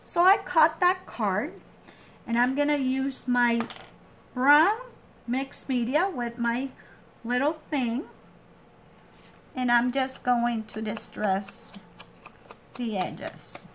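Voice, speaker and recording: Slow, halting woman giving a craft tutorial. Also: high voice, a bit bright, a little hiss or hum. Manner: halting, trailing off and restating steps. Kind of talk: casual hands-on tutorial, explaining each step.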